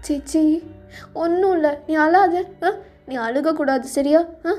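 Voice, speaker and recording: A woman voicing a caring younger sister who comforts her crying older sister and pleads with their mother in a fan audio drama, with soft music behind. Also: high-pitched, unhurried. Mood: pleading.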